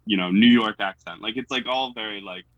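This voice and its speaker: A man's voice: lowish voice, a little fast, fairly bright tone, no echo, lo-fi sound. A young American man with a General American accent, chatting as a guest with lots of fillers and little laughs. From United States. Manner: hesitant, filler-heavy talk with frequent laughs. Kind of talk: casual chat.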